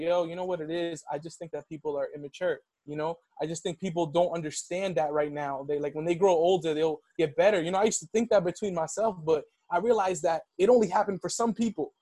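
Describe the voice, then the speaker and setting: With hardly any pauses and no room sound, this young man of Dominican background rattles off a personal anecdote at a fairly quick clip. His pitch is fairly high, and "like" and "yo" pop up constantly.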